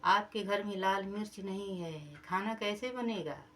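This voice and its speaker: A woman voicing a simple-minded male servant who shouts his announcements in a folk tale. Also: fairly low pitch, normal speed, lightly acted. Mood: shouting.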